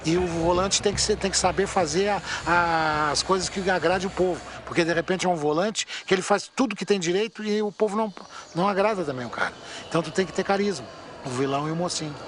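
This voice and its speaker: A man's voice: high voice, quick pace, fairly bright tone, slight background noise. A man explaining casually in an interview.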